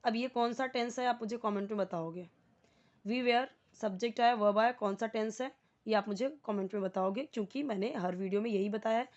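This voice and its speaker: A woman teaching English grammar with a fairly high voice, breaking sentences down word by word and repeating key terms. She often turns to the viewer with questions. The recording sounds dull and lo-fi. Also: brisk, a little mellow. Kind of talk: spoken English grammar lesson.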